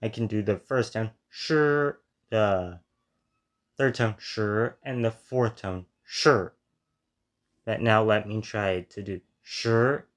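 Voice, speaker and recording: A man hosting a reaction video, analyzing and testing sounds on himself in a deliberate way. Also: on the low side, fairly even intonation. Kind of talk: commentary on a played video.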